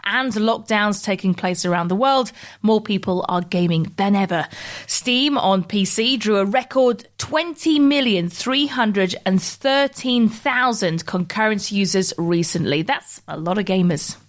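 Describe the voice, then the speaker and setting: A woman's voice: medium pitch, measured pace. A woman presenting scripted news as a show host.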